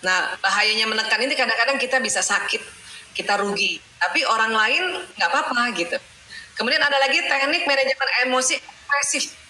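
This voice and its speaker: A woman speaks in a bright, forceful voice in a roomy, echoey space. She gives a conversational religious talk and explains each point step by step. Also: fairly high pitch, fairly quick, slight background noise. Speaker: doctor and teacher giving a talk. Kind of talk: religious talk on managing emotions. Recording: roomy echo.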